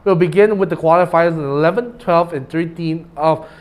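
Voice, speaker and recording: A man's voice: fairly high pitch, fairly even intonation, fairly quick, a little mellow. A Malaysian man with a Malaysian accent casting an esports tournament in casual banter, with colloquial particles like "lah". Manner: colloquial, uses 'lah' particles.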